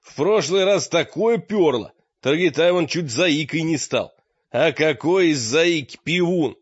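A gruff warrior with a rough, mocking way of talking, as a male audiobook reader puts him on. He pitches up and gets loud when teasing. The recording is dry and a little dull. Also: fairly even intonation, moderate pace, dry recording, lightly acted. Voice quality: gruff, growling.

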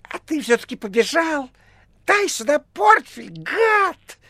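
A man voicing a shrill, squeaky cat-like fat male demon in an audiobook. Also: huge pitch swings, moderate pace, a bit bright, no echo, full character voice. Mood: shrill menace.

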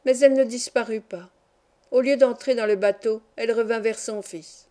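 A woman reading a classic novel aloud as an audiobook, in a calm, even storytelling manner. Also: on the high side, normal speed. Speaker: audiobook reader. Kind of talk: scripted narration of a classic novel.

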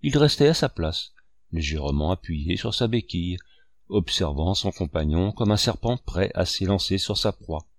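A man with a deep, low voice reads a novel aloud in a steady, measured way. The recording is dry and close, with no room sound. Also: no room sound. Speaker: narrator. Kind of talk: audiobook narration.

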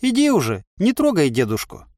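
A talkative, wry inner voice of a man, as a reader puts it on for an audiobook, raised and lively in pitch. It reasons and teases at length, close and dry. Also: fairly quick, dry recording, heavily acted. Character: chatty bodiless male inner voice, wry.

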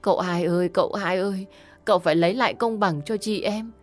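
A woman voicing a grieving young woman who wails and accuses, pitched well above her own voice and loud. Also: little pitch movement, moderate pace, soft background music, natural voice. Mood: wailing. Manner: wailing, accusing.

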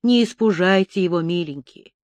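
A reader doing a gentle old priest. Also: medium pitch, moderate pace, dry recording, natural voice. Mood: hushed. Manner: soft, soothing, murmured. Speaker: imprisoned priest.

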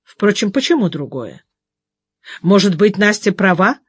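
Brief: woman narrator, lively and expressive pitch, dry close studio sound, measured reading. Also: slightly rough, dry recording. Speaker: audiobook narrator. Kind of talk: scripted narration.

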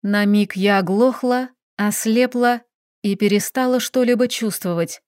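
A woman narrating a first-person romance audiobook in an expressive, dramatic reading. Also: mid-range voice, a little slow, clean tone, no echo, clean studio sound.

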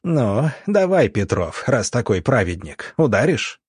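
A man voicing a smug, scheming military doctor who wheedles and snarls, with a husky voice. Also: lowish voice, very animated, measured pace, a little mellow, no echo, clean studio sound, heavily acted. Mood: snarling.

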